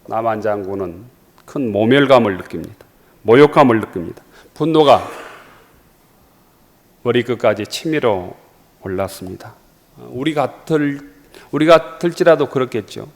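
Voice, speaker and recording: A man with a Jeolla accent preaching a sermon as pastor, repeating phrases and asking rhetorical questions. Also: mid-range voice. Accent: Jeolla Korean. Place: church sanctuary. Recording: reverberant church hall.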